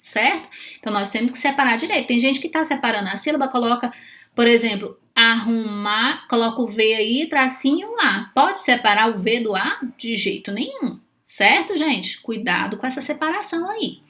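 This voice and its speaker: A woman's voice: a little high, expressive, normal speed, fairly bright tone. A woman teaching young children how to write, speaking patiently and often checking in with short questions. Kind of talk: children's writing lesson.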